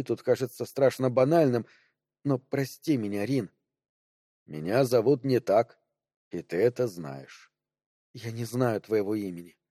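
A man voicing a guilt-ridden woman who was once a hacker, speaking softly and quietly in a pleading way. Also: medium pitch, dry recording, clean studio sound, close to an everyday voice. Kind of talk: audiobook character voice.

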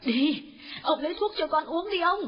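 A man voicing an anxious elderly mother who pleads with her husband in a high, urgent voice, in an audiobook. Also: animated, normal speed. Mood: pleading. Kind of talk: audiobook character voice. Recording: dull lo-fi recording.

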